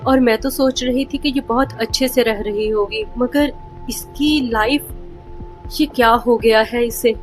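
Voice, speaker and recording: A woman narrating a story summary in a dramatic, expressive storytelling manner. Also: on the high side. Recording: soft background music.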